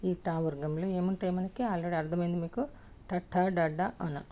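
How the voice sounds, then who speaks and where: A woman with a Telugu accent teaching the alphabet, slowly repeating each letter one at a time. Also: on the low side, mellow, a little hiss or hum. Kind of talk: alphabet lesson, writing on a board.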